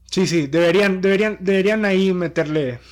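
Young male podcast co-host, high voice, animated casual delivery. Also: brisk. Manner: animated, restarts often, laughs easily.

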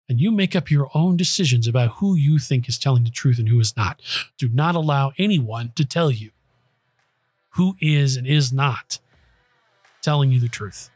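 A man's voice: mid-range voice, breathy edge, dry recording, clean studio sound. A man hosting a podcast, delivering an emphatic, sarcastic political monologue into a microphone. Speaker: podcast host. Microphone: close studio microphone.

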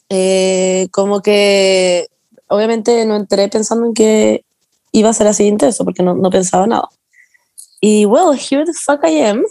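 A woman's voice: mid-range voice, fairly even intonation, slow pace, long pauses, warm tone, no echo. A young adult woman with a Chilean accent, chatting casually and rambling with lots of slang as a podcast co-host. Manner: slangy, rambling, laughs often. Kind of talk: casual chat among friends.

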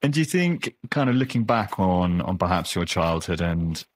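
A man's voice: low-pitched, big pitch swings, moderate pace. A man hosting a podcast, talking in an enthusiastic, effusive way in a casual interview chat. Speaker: podcast host.

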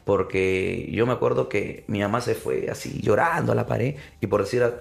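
A young man, a podcast guest telling an animated personal story and calling the listener brother. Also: lowish voice, normal speed, gravelly. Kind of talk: storytelling in casual interview.

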